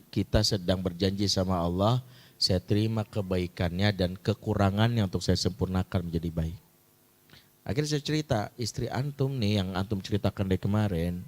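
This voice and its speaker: Animated preacher telling a story. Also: male voice. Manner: animated storyteller, acts out voices in a much higher pitch. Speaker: Islamic preacher and family counselor. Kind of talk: storytelling talk to an audience.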